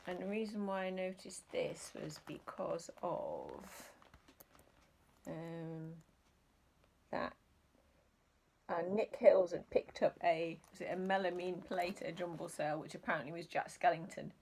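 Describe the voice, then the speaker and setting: Low gravelly woman vlogging. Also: steady tone, a little slow, dark tone, slight background noise. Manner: rambling, hesitant with many ums. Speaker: reseller vlogger. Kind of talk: casual chat.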